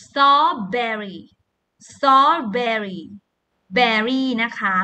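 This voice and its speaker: Slow, high-voiced Thai woman teaching children. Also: animated, sharp tone. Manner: slow, drawn-out modeling of each word for children. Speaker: primary school English teacher. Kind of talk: online class pronunciation drill. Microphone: video call.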